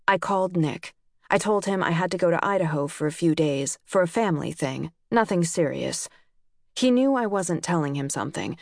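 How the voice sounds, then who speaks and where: A woman narrates a memoir in a low, even voice, measured and reflective. She is recorded close to the mic in a dry, dead-quiet space. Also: dry recording. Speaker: audiobook narrator.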